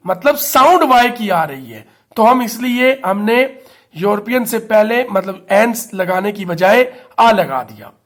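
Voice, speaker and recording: A man's voice: very high voice, a bit bright. A male teacher giving a classroom lesson, patiently explaining and spelling words out letter by letter. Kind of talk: classroom lesson on English articles.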